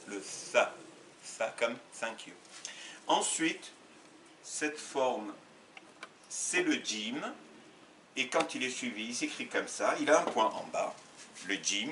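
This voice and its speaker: A man gives a patient, methodical beginners' lesson, spelling out sounds one by one and correcting himself along the way. His voice is bright and forceful, with a faint hiss in the background. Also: mid-range voice, recorded from a distance. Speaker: Arabic teacher. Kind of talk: step-by-step lesson for learners.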